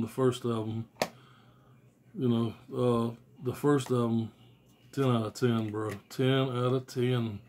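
An American man in his forties, a music fan reviewing albums, talks casually and unscripted to camera in a small room at home. His average-pitched, darkish voice delivers blunt, slangy, profane remarks. Faint noise and clicks run through the recording from a phone or tablet at arm's length.

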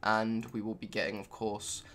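A man's voice: lowish voice, level tone, moderate pace, a bit bright, a little hiss or hum. A young man giving casual, rambling commentary over his card-game footage, full of ums and offhand remarks. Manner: rambling, filler-heavy, offhand. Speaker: gaming YouTuber.

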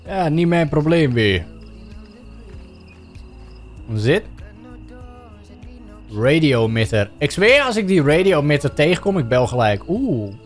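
A man's voice: on the high side, sing-song, unhurried, pauses often, soft background music. A young Dutch man streaming a game live, chatting casually and reading on-screen text aloud with jokey asides. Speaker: gaming streamer. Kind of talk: live let's play commentary.

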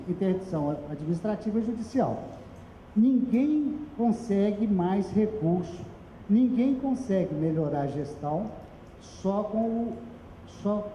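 A man's voice: high voice, mellow, slight background noise. A middle-aged man with a Brazilian Portuguese accent, giving an emphatic seminar presentation into a handheld microphone. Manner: emphatic, gesturing, directs slide operator. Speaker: speaker at a public accounting seminar. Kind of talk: explanatory presentation. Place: small meeting room with audience. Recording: echoey room recorded from afar, dull.

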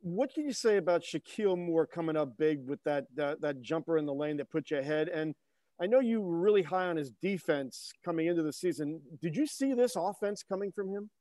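A man's voice: fairly high pitch, animated, fairly quick, warm tone, no echo. A man, a reporter, asking a coach questions at a press conference in a conversational, rambling way.

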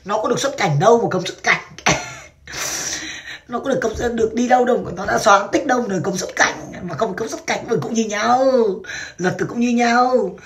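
A Vietnamese woman in her thirties sells on a casual livestream, chatting brashly and crudely and laughing often. Her voice is a little high, and she speaks a little fast.

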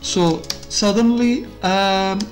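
Slow-paced and high-voiced, this Portuguese-speaking YouTuber gives loose, chatty commentary while reviewing a game, faint game music underneath. He rambles and cuts himself off, filling gaps with fillers and frequent laughter.

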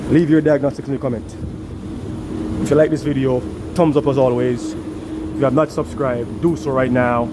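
Standing beside a commercial rooftop AC unit amid loud machinery, a man who works in HVAC talks to his viewers in a relaxed vlog. He keeps a steady mid-range tone at normal speed, pausing frequently, often restarting and repeating what he says.

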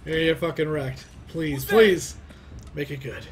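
In a small, plain indoor room, a twenty-something reaction video host from Arizona swears his way through excitable, crude, joking commentary with muttered asides. His voice is on the high side and moves at a moderate pace. Slight background noise mixes with the music of an animated short's soundtrack.

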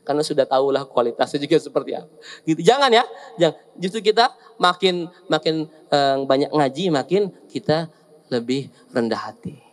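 A male preacher, giving a lively, joking sermon to a seated audience and often teasing them. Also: a little high, moderate pace. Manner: joking, teasing the audience with asides and acted quotes.

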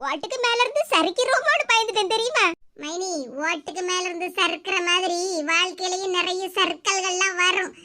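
A woman's voice: very high voice, fairly quick, pushed and bright. A woman voicing a talkative young co-mother-in-law who reasons at length, in a cartoon, with a Kanyakumari Tamil accent. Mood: chatty reasoning. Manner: talkative, explains at length, laughing.

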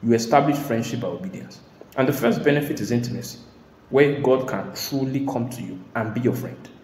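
A male preacher delivering a sermon with insistent emphasis, suddenly rising to shouts before dropping back down. His voice sits at an ordinary pitch and rings through a reverberant hall. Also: brisk, slight background noise. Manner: emphatic, bursts into shouting and laughter. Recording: echoey hall.

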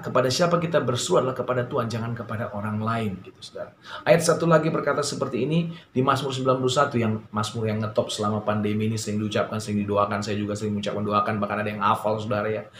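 A man preaching a sermon in a conversational way, often filling pauses and telling stories with animation. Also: mid-range voice. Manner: conversational preaching with many fillers; animated storytelling. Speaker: pastor. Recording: roomy echo, faint ambient noise.

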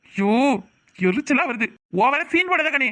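In this cartoon voice-acting clip, a performer with a Tirunelveli Tamil accent plays an irritable young husband who nags and grumbles at his wife in complaining rants. The voice is high, expressive and exaggerated, pushed and bright, and it moves at an unhurried pace with a scolding mood.

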